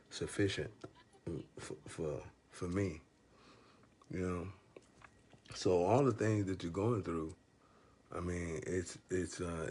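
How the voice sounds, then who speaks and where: A man giving casual, rambling spiritual encouragement to one listener. He uses plain everyday wording, stops and restarts often, fills pauses with "you know", and chuckles as he talks. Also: deep voice, a little mellow, a little hiss or hum. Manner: rambling and halting, with constant "you know" fillers; chuckles through his stories. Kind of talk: casual faith talk addressed to one listener.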